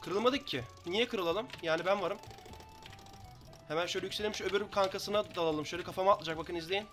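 Fast, bright-voiced young gamer man. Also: high voice, faint music behind. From Turkey. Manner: fast excitable banter, taunting opponents. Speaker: gaming YouTuber. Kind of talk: live Minecraft gameplay commentary.

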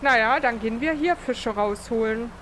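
A woman's voice: fairly high pitch, normal speed, a bit bright, slight background noise. A woman hosting a let's play, giving casual gameplay commentary and thinking aloud with fillers.

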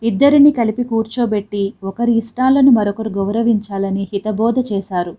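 Mellow woman narrating a story. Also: mid-range voice, steady tone, moderate pace.

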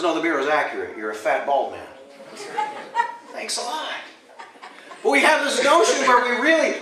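High, bright-voiced preacher in an echoey hall. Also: male voice, a little hiss or hum. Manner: animated, self-deprecating humor. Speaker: pastor. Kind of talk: sermon. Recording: echoey church hall, mic at a distance.

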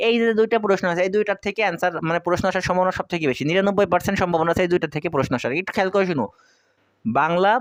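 A young man from Bangladesh tutoring exam students, firing off points quickly and answering his own questions as he repeats key facts. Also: high voice, no echo, clean studio sound. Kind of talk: fast exam-prep lesson.

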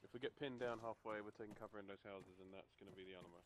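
A man's voice: on the low side, steady tone, rapid-fire. Commanding man over heavy gunfire noise. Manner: commanding, clipped orders. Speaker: squad leader in an online military game. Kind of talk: in-game tactical chatter. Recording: very noisy game voice chat with gunfire. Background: gunfire, game noise.

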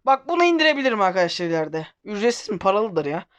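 A man with a high voice gives casual let's-play commentary. He rambles, jokes and often stops to correct himself mid-sentence. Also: big pitch swings, very fast, fairly bright tone, smooth, lo-fi sound. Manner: rambling, self-correcting, joking. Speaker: gaming video host.

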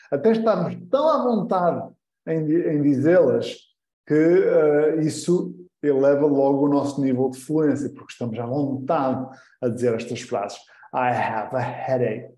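A man teaching English phrases in an online lesson, repeating each phrase slowly for practice. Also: a little high, mellow, echoey room.

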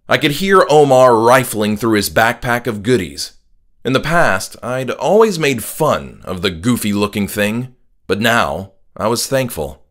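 Music accompanies a male author narrating his horror story with scripted drama. His voice is on the low side with a slight brightness.

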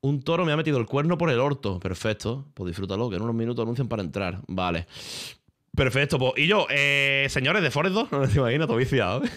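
Bright-voiced Spanish streamer, crude and joking. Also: male voice, medium pitch, expressive, quick pace. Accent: Spain Spanish. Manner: crude, joking and rambling, full of slang. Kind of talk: casual live game-stream commentary.

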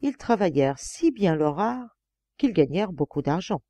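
A woman reads a classic fairy tale aloud with a lively, expressive rise and fall. Her tone is mellow and soft-edged. The close mic gives a dry, booth-like sound. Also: on the low side, moderate pace, no room sound. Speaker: audiobook reader. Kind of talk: scripted fairy-tale narration.

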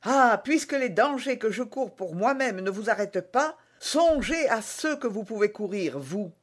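A man's voice: high voice, expressive, moderate pace, fairly bright tone, voice pushed up. A man with a French accent voicing an anxious, secretive young woman in an audiobook, pleading and urgent. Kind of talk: audiobook reading.

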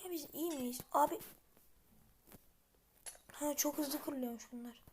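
A woman giving casual gameplay commentary, muttering to herself and then yelling in panic. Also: sits high, slow pace, slight background noise. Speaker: gameplay video maker.

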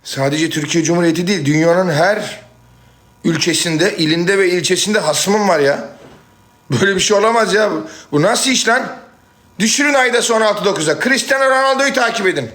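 Loud, bright-voiced rowdy male streamer. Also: sits high, moderate pace. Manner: loud, teasing, bursts into shouting. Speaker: livestream host. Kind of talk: rowdy livestream banter.

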